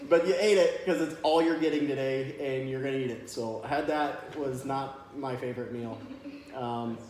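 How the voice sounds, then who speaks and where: A military veteran being interviewed, telling stories in a chatty, good-humored way. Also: male voice, medium pitch, moderate pace, a little mellow. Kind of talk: casual storytelling in an interview. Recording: very echoey room with faint noise.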